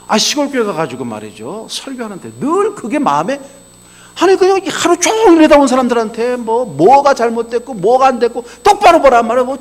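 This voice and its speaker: A man delivers a sermon in a high, bright-pitched voice that leaps up and down as he tells stories. His tone is chatty and folksy. He drops into low, confiding asides, then rises into excited exclamations. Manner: animated storytelling, swinging between low asides and raised exclamations; conversational, folksy. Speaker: pastor.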